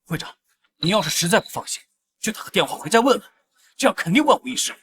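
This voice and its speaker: Sneering fawning schemer, high voice, lively pitch. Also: male voice, quick pace, slight background noise. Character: scheming, fawning young man who sneers at the hero.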